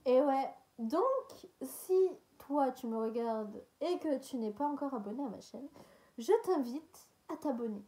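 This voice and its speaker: A woman's voice: high-pitched, measured pace, dark tone. A young woman chatting casually as she answers viewer questions, hesitant and full of fillers and small laughs. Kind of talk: casual chat.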